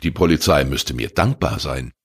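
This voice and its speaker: A man's voice: a bass voice, animated, moderate pace, slightly rough, exaggerated voice. A man reading a crime story voices a teenage boy who pleads and eagerly justifies himself. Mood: defensive. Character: teenage boy, defensive and talkative.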